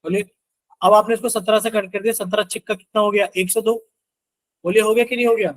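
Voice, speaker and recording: A man's voice: high voice, steady tone, quick pace, no room sound, rough recording. A man teaching an online math class, coaxing students to answer and working sums aloud with chanted multiplication tables.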